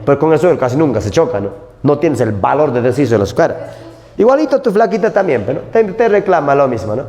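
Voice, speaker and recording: Animated male literature teacher. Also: on the high side, quick pace. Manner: animated, constantly checks in with students. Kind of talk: prep-school lecture. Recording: long hall reverb.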